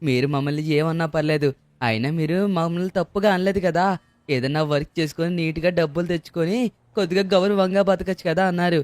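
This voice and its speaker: A man with a Telugu accent voices a pleading beggar for a game-video dub. His voice sits high for a man, and his plaintive tone comes through a dry, close recording. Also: fairly even intonation, fast, no room sound. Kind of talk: dubbed game-video role-play.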